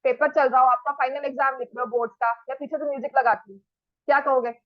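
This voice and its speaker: Woman teacher, high voice, lo-fi. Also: steady tone, fast talker, no room sound. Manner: talks straight to the students, asks them questions, scolds firmly. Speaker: maths teacher. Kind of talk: classroom maths lesson, then scolding students.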